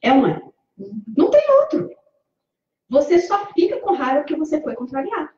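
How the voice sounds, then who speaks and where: Brazilian woman, spiritual talk, chatty, quizzes the room; dark mellow tone, dull distant recording. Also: sits high, sing-song, a little fast. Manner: conversational, asks the audience questions, acts out quoted speech. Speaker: speaker giving a Spiritist talk. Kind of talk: lecture to a congregation. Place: community hall. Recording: far from the mic, echoey hall, dull lo-fi sound.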